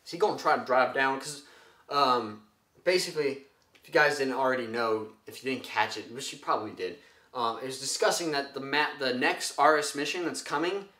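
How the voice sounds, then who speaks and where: A man's voice: mid-range voice, normal speed. A young man talking casually about a book he loves, rambling with lots of fillers and acting out quotes. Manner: excitable, rambling, full of fillers, acts out quotes. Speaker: book vlogger. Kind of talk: casual book review vlog. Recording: echoey room.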